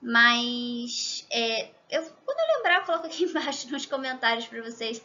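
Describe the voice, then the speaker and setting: Woman teacher from Rio, Rio accent, high bright voice, slow exaggerated pronunciation, chatty asides to viewers. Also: big pitch swings, dull audio. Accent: Rio de Janeiro Portuguese. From Brazil. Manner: chatty, checks in with the viewer often. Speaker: Spanish teacher. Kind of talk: language lesson to camera.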